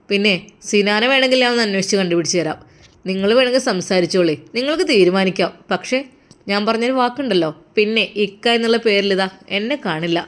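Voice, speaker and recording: A woman's voice: medium pitch, natural voice. A woman with a Malappuram Malayalam accent voicing a caring older brother who soothes and lectures earnestly. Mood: stern. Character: caring protective older brother, young man. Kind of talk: storytelling role-play.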